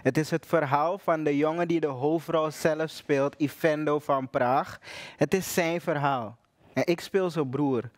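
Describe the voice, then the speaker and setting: A young man talks about his acting in a relaxed, eager way, often answering with a short yes. His voice sits in a middle range and the sound is dry and close. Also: medium pitch, no echo. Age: young adult. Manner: relaxed and enthusiastic, fond of "ja, man". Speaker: actor guest. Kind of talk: casual stage conversation.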